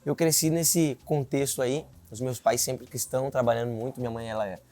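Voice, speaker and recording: A man's voice: mid-range voice, steady tone, a little fast, warm tone. A man in his twenties, a city council candidate, earnestly telling his life story in an interview, often adding filler tags. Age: 20s.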